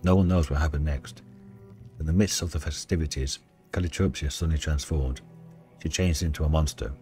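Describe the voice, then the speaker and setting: Man reading as a wistful dryad, very deep voice. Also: fairly quick, mellow, soft background music. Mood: mournful. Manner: solemn, storytelling. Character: wistful female dryad, ancient gentle tree spirit. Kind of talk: video game dialogue read aloud.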